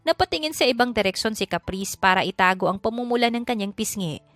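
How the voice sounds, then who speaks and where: A woman narrating a romance story in an even, measured reading voice. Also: a little high, dry recording, soft background music.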